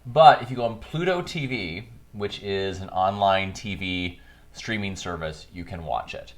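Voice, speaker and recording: A man co-hosting a casual podcast chat, telling stories in an animated way and laughing often. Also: deep voice, unhurried. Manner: animated, chatty storyteller who laughs often. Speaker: podcast co-host.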